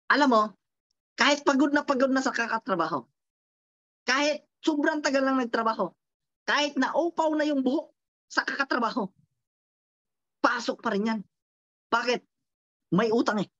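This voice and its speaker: A woman giving a lively motivational seminar talk, repeating phrases and checking in with her listeners through quick rhetorical questions. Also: high voice, no echo, highs cut off. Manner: repeats and counts out phrases for emphasis. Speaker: motivational speaker.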